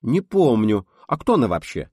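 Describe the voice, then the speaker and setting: A man's voice: medium pitch, normal speed, slightly rough, no room sound, studio quality, pitched above the performer's own voice. A man voicing an older, sly and eager film director in an audiobook reading. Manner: lively, cunning, purring. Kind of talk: audiobook character voice.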